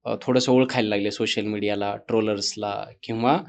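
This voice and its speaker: A man's voice: on the low side, steady tone, brisk. Thoughtful man asking long questions. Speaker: interviewer. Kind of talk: casual interview talk.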